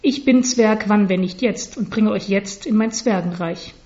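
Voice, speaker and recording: A woman's voice: medium pitch, normal speed, dark tone, natural voice. A woman voicing a cheerful male dwarf in a storybook tale, greeting in a jolly, formal manner. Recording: slightly dull recording.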